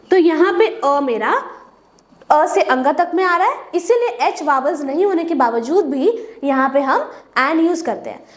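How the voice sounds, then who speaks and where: A woman whose first language is Hindi, teaching English grammar step by step and asking and answering her own questions. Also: sits high. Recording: echoey room.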